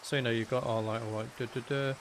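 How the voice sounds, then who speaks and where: A fast-talking man with a medium-pitched voice and vocal fry narrates his gameplay live, loose and meandering, poking fun at himself. Rain falls steadily behind him throughout.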